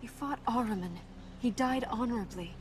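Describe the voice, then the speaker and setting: A woman's voice: on the high side, moderate pace, background noise, close to an everyday voice. A woman voicing Elika, an earnest young princess. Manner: serious and earnest. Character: earnest, dutiful young princess with magic powers. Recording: game cutscene dialogue over loud orchestral music.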